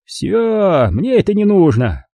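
A man's voice: high voice, very animated, slow pace, vocal fry, dark tone, no echo, pitched above the performer's own voice, full character voice. A man voicing a tactless, brash man who mocks those around him with smug jokes. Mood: mocking. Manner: smug, mocking.

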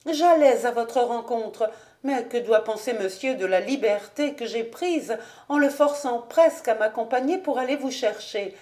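A woman's voice: fairly high pitch, a little slow, warm tone, pitched above the performer's own voice, lightly acted. A woman reading an audiobook, voicing a frightened young noblewoman who pleads and implores, raising her voice. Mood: relieved.

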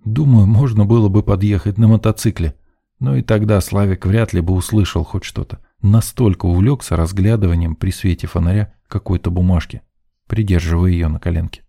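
A man reading a first-person audiobook story in a very dark, mellow voice that sits on the low side. His storytelling is dry and ironic, with scripted narration throughout. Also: steady tone, a little fast, gravelly.

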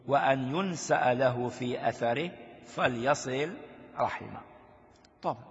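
Older sheikh teaching with gravelly voice. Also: male voice, medium pitch, fairly bright tone. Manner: explains slowly, quizzes listeners with rhetorical questions. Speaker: sheikh teaching a hadith text. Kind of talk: classroom commentary on a classical text. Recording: lo-fi recording with long reverb in a hall.

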